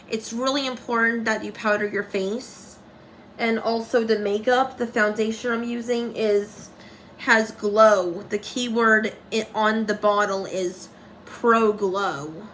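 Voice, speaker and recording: A woman's voice: fairly high pitch, a bit bright, a little hiss or hum, poor audio. A young woman talking through a casual makeup tutorial, rambling and commenting on herself, with dry sarcastic asides.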